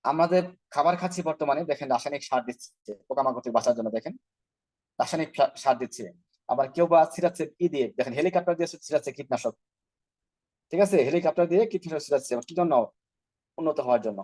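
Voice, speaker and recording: A man's voice: a little high, very fast, darkish tone, dry recording. A man giving an online product training over slides, asking rhetorical questions and checking in with his listeners often. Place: online call.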